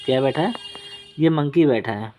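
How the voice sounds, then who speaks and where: Teaching exam words through mnemonics in a casual Hindi-English lesson, this man speaks at a moderate pace in a warm, medium-pitched voice, with slight background noise. He repeats important terms, checks in with "okay?", and makes self-deprecating jokes about what he draws on screen.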